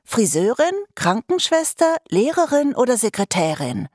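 A chatty schoolgirl rattles on in a high, lively voice, read by a woman narrator. Dry, close audiobook sound. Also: normal speed, no room sound. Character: chatty, cheerful schoolgirl friend. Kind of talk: audiobook character voice.

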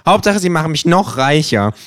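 Mann spielt ein schrilles, zynisches Känguru. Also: male voice, very animated, brisk, a bit bright. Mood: sarcastic. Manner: sarcastic, provocative, shrill high voice. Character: brash, cynical male kangaroo.

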